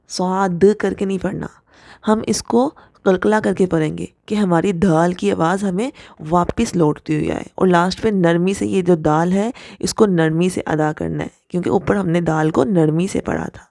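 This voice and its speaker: A woman's voice: on the low side, creaky, a little mellow, dry recording, studio quality. A woman teaching Quran recitation rules step by step. She patiently explains and demonstrates each letter sound. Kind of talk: step-by-step tajweed lesson.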